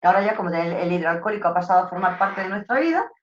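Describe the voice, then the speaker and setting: Andalusian woman lecturer, talkative and expressive, low voice, slightly muffled audio. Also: very fast. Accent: Andalusian Spanish. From Andalusia, Spain. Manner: talkative, animated teacher, repeats herself. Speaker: customer service trainer. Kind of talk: online lecture.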